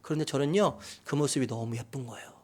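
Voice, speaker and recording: A middle-aged man preaching a sermon as pastor, swinging from loud, animated outbursts to hushed whispers. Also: mid-range voice, quick pace. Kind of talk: sermon with acted quotes. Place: church sanctuary.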